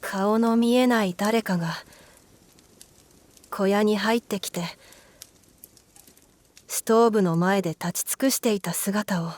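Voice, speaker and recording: A woman reads a scripted ghost story in a hushed, eerie manner. Her delivery is very slow, with deliberate pauses between short phrases. Her pitch sits in the middle range for a woman. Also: dry recording.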